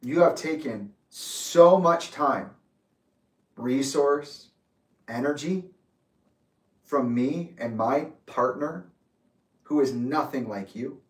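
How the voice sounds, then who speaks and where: A man in his late twenties giving an intense, accusatory personal reflection, speaking deliberately. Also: mid-range voice. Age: 20s. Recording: echoey room, distant mic.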